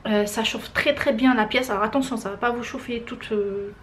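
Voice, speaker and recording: A young woman talks to camera from her living room in a relaxed, chatty vlog. Her voice sits a little high, and she keeps stopping on hesitant fillers as she speaks straight to her viewers. A faint hum of room ambience stays behind her. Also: moderate pace. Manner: chatty, many "euh" fillers, addresses viewers as girls. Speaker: lifestyle vlogger.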